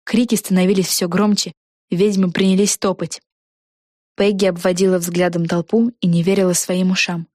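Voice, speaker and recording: A woman narrating a children's book in an even storytelling manner. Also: fairly low pitch, moderate pace, no echo, clean studio sound. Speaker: audiobook narrator.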